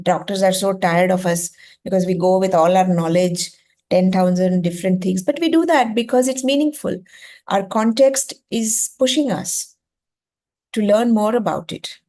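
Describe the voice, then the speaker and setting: Medium-pitched and mellow, an Indian woman with an Indian accent and Gujarati as her native tongue gives an explanatory masterclass on reading as an educator. She repeats phrases emphatically and asks short questions to check in.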